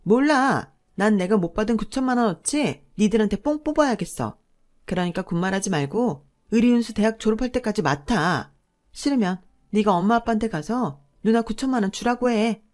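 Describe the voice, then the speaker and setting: A woman's voice: mid-range voice, big pitch swings, moderate pace. Woman doing a bossy greedy sister-in-law. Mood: angry. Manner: loud scolding and demanding.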